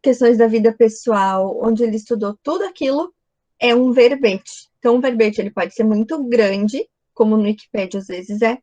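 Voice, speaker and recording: Woman, teacher, video lesson, explanatory, fairly high voice. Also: moderate pace, mellow, dull audio. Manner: explanatory, often checks in with "tá?".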